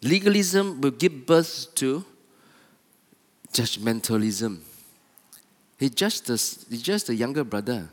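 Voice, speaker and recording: A man preaches a sermon, repeating and restarting his phrases for emphasis. His mid-range voice moves in lively swings. The long reverb of a church hall trails behind him. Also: mid-range voice, slow, long pauses. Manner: repetitive, stop-start emphatic phrasing.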